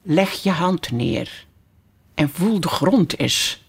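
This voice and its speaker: A reader putting on a haughty tiger lily, grand and imperious, who lectures and scolds everyone around her. The delivery is unhurried and drawn out, a proud storybook flower performed by a narrator. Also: mid-range voice, expressive, creaky, breathy edge, full character voice. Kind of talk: audiobook character voice.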